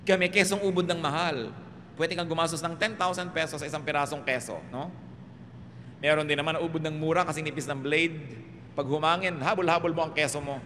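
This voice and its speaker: Filipino pastor man preaching, kinda high bright voice, jokey and lively, long hall echo. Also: fairly quick, slight background noise. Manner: animated, humorous preaching with rhetorical questions. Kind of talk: sermon. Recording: reverberant hall, faint background ambience.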